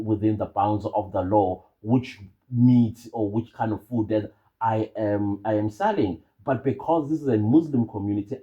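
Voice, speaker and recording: A man's voice: on the low side, warm tone, dull audio. A man with a South African accent giving informal, opinionated commentary as a channel host, emphatic and repeating phrases for stress.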